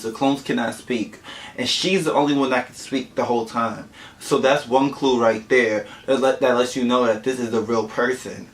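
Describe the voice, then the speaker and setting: Between bites of food, a vlogger with a mid-range voice gives a casual movie recap straight to camera, rambling, correcting himself, and saying "like" a lot. It's captured on a camera mic, and the recording sounds rough.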